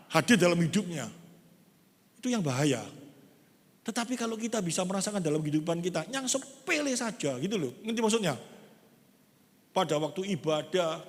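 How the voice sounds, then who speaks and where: Pastor, high voice, animated conversational sermon in a reverberant church. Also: male voice. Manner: lively, conversational preaching with acted-out quotes. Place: large church hall. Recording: long church hall reverb.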